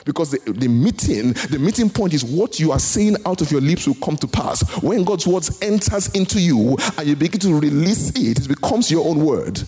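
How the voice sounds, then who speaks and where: A man preaching a sermon, emphatic, repeating his phrases and dropping from loud bursts to hushed lines. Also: on the high side, animated, normal speed, few pauses, soft background music.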